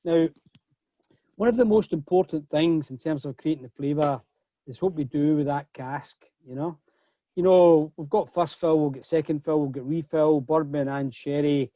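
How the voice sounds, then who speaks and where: A man's voice: fairly high pitch, moderate pace, mellow, dry recording. A middle-aged man hosting a whisky tasting over a video call, chatty and often repeating words as he starts a sentence. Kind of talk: casual online tasting talk.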